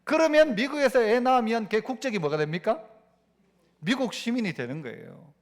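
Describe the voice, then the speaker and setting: A pastor in his fifties delivers an animated sermon. His voice sits unusually high for a man. He keeps turning to the congregation with questions. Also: normal speed.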